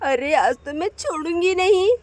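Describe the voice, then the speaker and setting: A wailing, sobbing deserted wife from a doll story, voiced by a woman. The voice sits very high. She pours out long, tearful laments. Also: animated, normal speed. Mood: defiant. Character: grown woman, deserted wife, distraught then vengeful.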